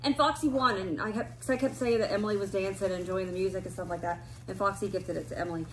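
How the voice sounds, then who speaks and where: A woman's voice: mid-range voice, fairly even intonation, fast, a little hiss or hum. A woman in her thirties hosting a casual family unboxing chat at home, laughing often and talking over her kids. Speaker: family channel host. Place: home room with collectibles shelves, indoors. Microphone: fixed camera across a table.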